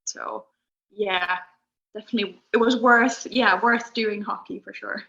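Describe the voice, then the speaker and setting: A young woman from Finland, a podcast guest speaking casually over an internet call, pausing often with ums. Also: mid-range voice, steady tone, gravelly, pushed and bright. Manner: hesitant, many ums and restarts. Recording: muffled internet call audio.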